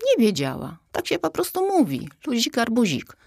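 A sensible little female flea, gentle and clever, as a woman reading a storybook puts her on. Her voice sits above the reader's usual pitch. The recording is dry. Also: huge pitch swings, normal speed, creaky, no echo, heavily acted. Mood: earnest.

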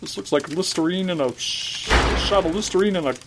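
A man's voice: sits high, fairly quick, heavy background noise. A man improvising as a polite, bemused customer in a comedy role-play, speaking hesitantly.

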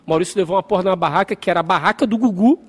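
A young man tells a story with a very high voice and a rapid pace. He acts out voices and sounds as he goes, under a long reverb. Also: slightly rough. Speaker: podcast storyteller. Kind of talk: casual storytelling chat.

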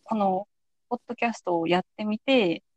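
A woman's voice: mid-range voice, fairly quick, a little mellow, dry recording. A woman hosting a podcast in a casual, conversational interview style. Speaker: podcast host.

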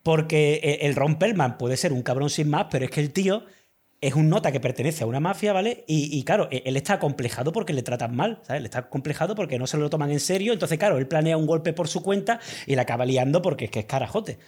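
A man's voice: a little high, expressive, quick pace, a little mellow, slightly rough. A man, chatting casually and enthusiastically about films as a podcast co-host, full of slang. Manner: enthusiastic, uses slang and filler words. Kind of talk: casual film discussion.

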